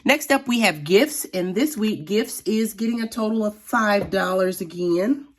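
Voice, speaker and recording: A middle-aged woman with a raspy voice, chatting casually as she counts cash out loud. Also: mid-range voice, animated, measured pace. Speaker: budgeting vlogger. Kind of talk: casual vlog narration.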